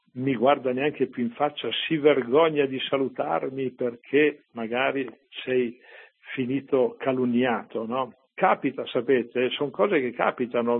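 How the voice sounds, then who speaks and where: A man's voice: fairly high pitch, husky. A man who is a priest, preaching a homily in a conversational way and often turning to his listeners with rhetorical asides. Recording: tinny lo-fi radio broadcast.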